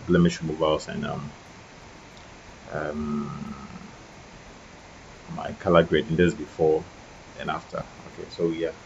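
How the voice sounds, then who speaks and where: A man with a husky, tired voice talking through a photo-editing tutorial in a relaxed way, with many ums and restarts. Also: rumbling low. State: tired late at night. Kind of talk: screen-recorded software tutorial. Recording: dull lo-fi mic with faint noise.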